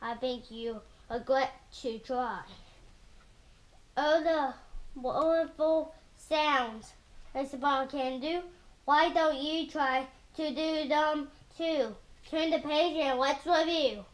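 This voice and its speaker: High-voiced woman slowly reading a picture book. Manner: slow, careful reading with sound imitations. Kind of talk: children's book read-aloud.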